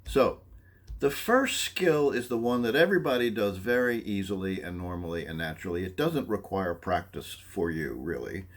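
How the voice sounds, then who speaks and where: Lively male psychology lecturer. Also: low-pitched, moderate pace. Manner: checks in often with "okay?"; animated, acts out examples. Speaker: psychology instructor.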